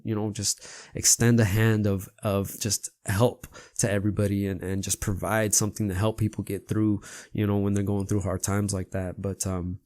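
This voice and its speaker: A male podcast host talks through a loose, rambling monologue, leaning on "man" and "you know what I mean" as he goes. His voice sits a bit low and relaxed, with a casual, conversational tone. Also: dry recording.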